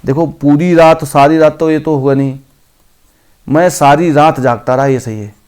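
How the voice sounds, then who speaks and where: A man teaching an exam-prep grammar lesson. He reads each option aloud slowly, then corrects it. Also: fairly high pitch, fairly even intonation, a little mellow, clear, resonant tone.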